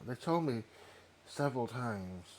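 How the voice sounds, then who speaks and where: A man's voice: medium pitch, lively intonation, unhurried, slight background noise. Rambling man chatting while gaming. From North Wales. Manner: rambling, self-correcting storyteller. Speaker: gamer playing a train simulator. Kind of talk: casual gameplay commentary.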